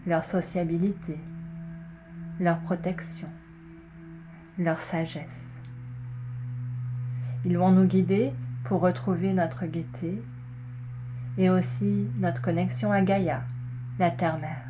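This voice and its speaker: With a steady tone on the low side, a woman guides a yoga nidra relaxation from a script. She speaks soothingly and measuredly, pausing between brief phrases. Behind her are meditation music and singing bowl tones on a clearly noisy recording.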